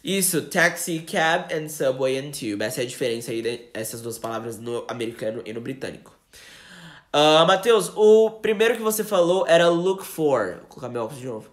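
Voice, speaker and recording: Chatty Brazilian teacher in echoey room. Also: male voice, a little high, expressive. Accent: Brazilian Portuguese. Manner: chatty, switches into slow English examples. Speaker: English teacher. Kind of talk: casual live-stream English lesson.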